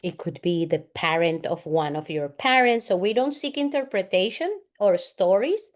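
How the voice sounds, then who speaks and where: A woman facilitator, an English speaker, leading a family constellations exercise in a slow, soft-spoken guided-meditation style with long pauses. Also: fairly low pitch, expressive.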